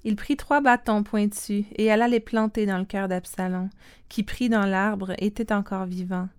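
Woman, Bible story reading, calm and steady, smooth resonant voice. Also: mid-range voice, moderate pace.

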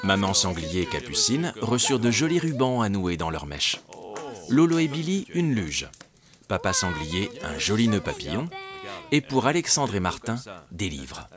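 Expressive low-voiced male storyteller. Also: normal speed, crowd noise. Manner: expressive, lilting. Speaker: narrator. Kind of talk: storybook narration.

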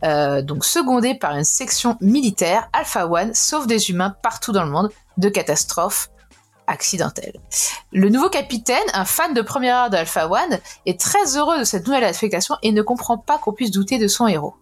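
A woman's voice: mid-range voice, very animated. Stuffy-nosed woman reviewing comics. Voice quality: slightly nasal. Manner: hesitant, frequent pauses and restarts. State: stuffy nose from a cold. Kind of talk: casual podcast review.

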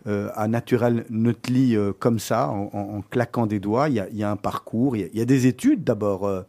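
A man's voice: lowish voice, brisk, warm tone, dry recording. A man hosting a radio talk show, stumbling and repeating words as he introduces guests. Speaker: radio host.

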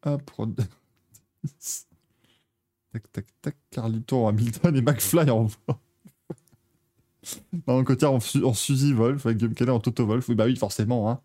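A man's voice: mid-range voice, steady tone, moderate pace, long pauses, dark tone. A young man hosting a motorsport podcast, chatting casually with jokes, laughter and rambling asides. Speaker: podcast host. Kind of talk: casual chat.

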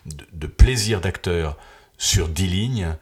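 A man's voice: low voice, slow pace. A man, a dubbing director and actor, speaking earnestly in an interview and repeating his key points. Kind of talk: casual interview chat.

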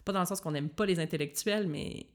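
A woman's voice: fairly low pitch, fairly quick. A woman from Quebec with a Québécois accent, chatting casually with plenty of fillers and restarts. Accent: Québécois French. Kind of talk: casual chat.

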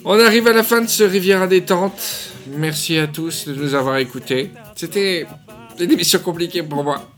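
A man hosting a casual podcast chat, joking and teasing his guests in an excitable way. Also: sits high, normal speed, soft background music. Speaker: podcast host.

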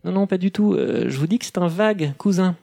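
A man voicing a bashful female unicorn in whispered role-play, hushed and hesitant. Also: high voice, brisk, gravelly, no echo, clean studio sound, pitched above the performer's own voice. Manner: hushed, hesitant, full of fillers.

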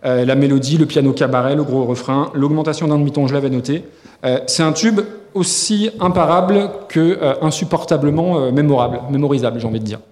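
A man's voice: fairly high pitch, a little fast, darkish tone. Male podcast co-host, live-stage banter, joking and rambling, reverberant hall. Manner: joking, rambling with many fillers and restarts. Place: live festival stage before an audience. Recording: echoey hall with long reverb.

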